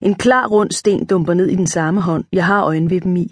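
Kvinde der læser børnebog op, tørt optaget. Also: female voice, on the low side, no room sound, studio quality. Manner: lively, lifts her voice for the girls' dialogue. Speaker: audiobook narrator. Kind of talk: first-person children's story reading.

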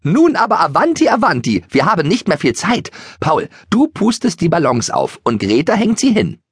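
A man's voice: wildly swooping pitch, slightly rough, no room sound, studio quality, exaggerated voice. A man doing a bustling little Italian-flavoured woman. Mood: hurried, exclaiming. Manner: high, exclaiming, hurried.

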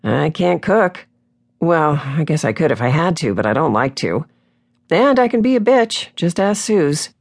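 A woman voicing a spirited young female deputy who talks in a bright, quick, teasing way, read for an audiobook. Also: sits low, very animated, gravelly, voice pushed up, heavily acted. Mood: self-mocking.

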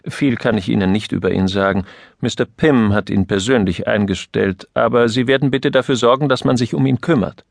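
A man voicing a fussy male office manager in an audiobook, giving brisk instructions. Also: medium pitch, gravelly, no room sound, studio quality. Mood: businesslike.

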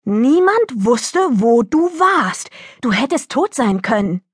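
A woman voicing an angry, frightened mother who shouts slowly and sternly at her daughter in an audiobook. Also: fairly high pitch, very animated, breathy edge, no echo, clean studio sound, full character voice. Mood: shouting. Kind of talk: audiobook character voice.

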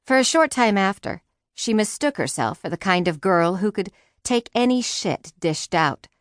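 A woman's voice: medium pitch, sing-song, moderate pace, no room sound. A woman narrating an audiobook on a close studio mic, with a wry, sardonic delivery of a profane teenage point of view. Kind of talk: scripted narration.

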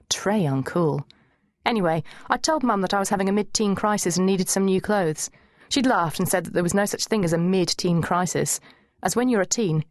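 A woman narrating a first-person teen novel in a lively, wry manner on a close studio mic. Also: lowish voice, no room sound. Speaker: audiobook narrator.

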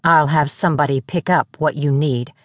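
A woman narrator voicing a calm, commanding female security director who speaks in a measured way. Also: low-pitched, no room sound, studio quality, close to an everyday voice.

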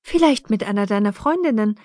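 A woman's voice: medium pitch, lively intonation, a little fast, darkish tone, no room sound, studio quality, natural voice. A woman voicing a frank, free-spirited mother who talks about intimacy in a breezy, matter-of-fact way, read in an audiobook.

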